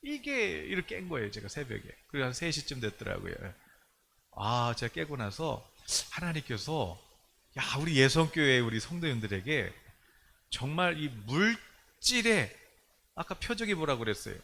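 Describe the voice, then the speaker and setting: A man preaching a sermon as pastor at a prayer meeting in a church. He talks animatedly, asks many rhetorical questions, and swings from loud to hushed. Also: medium pitch, very animated, moderate pace, creaky, a little hiss or hum. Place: church, streamed online service.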